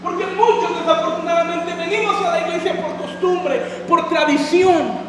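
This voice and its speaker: Echoey high-voiced pastor preaching in a hall. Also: male voice, fairly even intonation, moderate pace, background noise. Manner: rousing, calls to the congregation. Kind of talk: sermon. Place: large church hall. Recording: echoey hall, far from mic. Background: congregation shouting amen.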